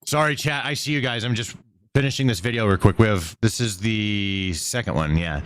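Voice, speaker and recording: In a casual live stream, a man with a fairly low, slightly bright voice gives an editor blunt, bossy orders, swearing as he goes. He draws out his S sounds, and the recording is dry.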